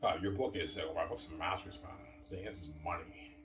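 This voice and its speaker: A very low-voiced man in his thirties rambles casually from across an echoey room, his voice distant from the mic. He drifts between topics, curses freely and talks back at absent people. Household noise and faint music sit behind him. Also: steady tone, fast. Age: 30s. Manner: meandering, casual, swears, argues with absent people. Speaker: vlogger. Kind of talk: late-night rambling monologue. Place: room at home, family upstairs.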